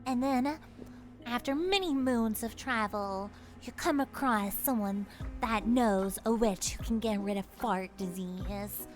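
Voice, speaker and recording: A woman streamer in a goddess persona, telling an improvised comic story in a playful, giggly way. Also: unhurried. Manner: playful, giggly, swooping pitch. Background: music.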